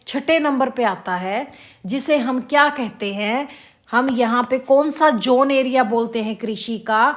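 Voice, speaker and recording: A woman teacher giving an exam-prep lesson, repeating each question slowly and drilling the answers for her students. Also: fairly high pitch. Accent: Haryanvi-tinged Hindi. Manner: addresses students as beta.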